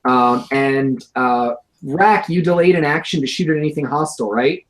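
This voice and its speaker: A man's voice: on the high side, normal speed, poor audio. A man running a tabletop game as game master over a video call, narrating with wry humor and calling rules. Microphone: home computer mic on an online video call.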